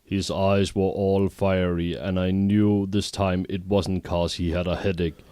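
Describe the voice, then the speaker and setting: Deep-voiced deadpan fanfiction reader. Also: male voice, measured pace, smooth, no room sound, clean studio sound. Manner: deadpan, reads errors as written. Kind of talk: reading fanfiction aloud.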